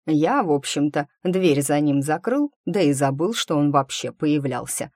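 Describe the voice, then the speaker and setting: A reader voicing an old, wry and guarded male magic teacher in an audiobook, telling his story in a measured, steady way. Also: mid-range voice, no room sound, studio quality. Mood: recounting. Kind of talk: audiobook character reading.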